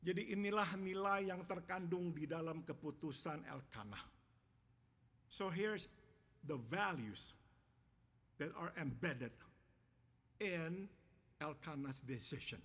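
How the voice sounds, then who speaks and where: A male pastor delivering a sermon in measured, emphatic phrases, repeating each point in English after saying it. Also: fairly high pitch, fairly bright tone. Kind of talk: bilingual sermon with self-interpretation. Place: church. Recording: long church reverb.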